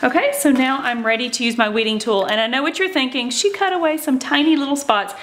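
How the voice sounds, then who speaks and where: A woman's voice: sits high, fast talker, over music. A woman hosting a craft tutorial, talking casually and chattily as she walks through each step, with frequent ums and "okay, so". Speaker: craft channel host.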